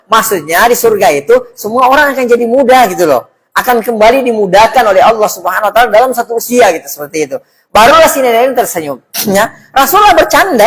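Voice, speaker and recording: A man's voice: extremely high pitch, fairly bright tone, slightly rough, rough recording. A man giving a casual sermon, talking conversationally, reciting Arabic phrases and asking the audience questions. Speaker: Islamic preacher.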